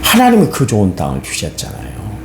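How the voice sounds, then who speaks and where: A man preaching a dawn service sermon as pastor, colloquial and animated, acting out people's complaints. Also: fairly low pitch, brisk. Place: church sanctuary. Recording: echoey church hall, faint hum.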